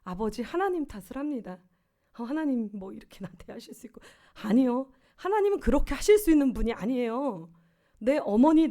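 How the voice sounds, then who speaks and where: Woman pastor, 50s, earnest sermon storyteller, slightly high, warm, soft-edged voice. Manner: earnest, personal storytelling with rhetorical questions. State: swollen tonsils.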